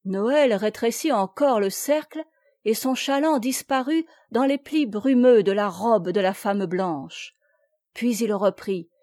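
A woman narrating an adventure story in a measured, steady reading voice. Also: on the high side, dry recording, studio quality.

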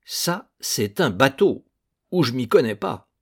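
A man's voice: medium pitch, sing-song, slow, slightly rough, exaggerated voice. A man voicing a hearty villager who speaks firmly and emphatically about a boat. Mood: admiring.

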